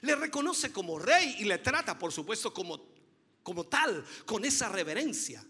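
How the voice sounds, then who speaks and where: A man's voice: high-pitched, big pitch swings, moderate pace, pushed and bright, slightly rough. A man preaching a sermon with fervent, emphatic delivery, building repeated phrases and calling listeners dear brother. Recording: long hall reverb.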